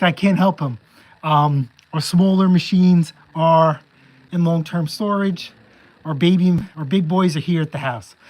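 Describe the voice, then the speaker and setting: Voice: medium pitch, low-quality recording. A diesel mechanic vlogging a casual walk-through of their machines, rambling and joking, often repeating phrases.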